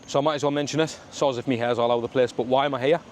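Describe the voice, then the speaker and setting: Male travel vlogger, Sunderland accent, colloquial and matey, mid-pitched, walking outdoors with some traffic noise behind. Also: steady tone, rapid-fire. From Sunderland, north-east England. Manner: colloquial, matey, full of regional slang. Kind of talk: casual walking vlog chat to camera. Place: outdoors on a suburban street in the rain.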